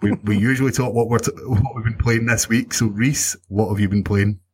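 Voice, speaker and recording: A man hosting a casual gaming podcast, introducing segments and thanking listeners in a steady, friendly way. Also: lowish voice, a little fast, slightly rough. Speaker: podcast host. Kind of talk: casual chat.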